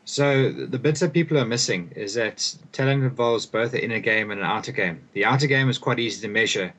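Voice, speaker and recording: This is a young man from South Africa, appearing as a guest author and performance coach. His medium-pitched, fairly bright voice moves a little fast as he answers thoughtfully in conversation, often repeating words when he restarts a sentence.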